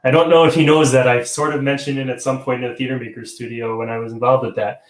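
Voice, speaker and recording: This host of a live online theater talk show has a medium-pitched voice with little pitch movement and a quick pace. Chatting casually over a video call, he rambles, often restarting and chuckling. The recording has a roomy echo.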